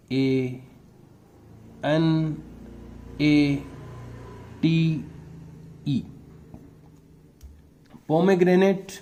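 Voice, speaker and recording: A man teaching a spelling lesson to young children, spelling words out letter by letter in a patient, deliberate way. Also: fairly high pitch, warm tone.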